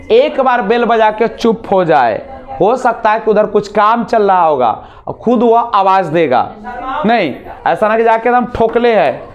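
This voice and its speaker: A man teaching a spoken English class, explaining slowly and repeating words as pronunciation drills. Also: extremely high pitch. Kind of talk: classroom lesson in Hindi and English.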